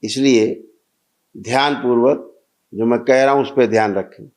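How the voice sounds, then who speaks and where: A man leading a healing gathering, giving measured, commanding instructions to a congregation. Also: mid-range voice, steady tone, a little mellow. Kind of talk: guided ritual instructions to a congregation.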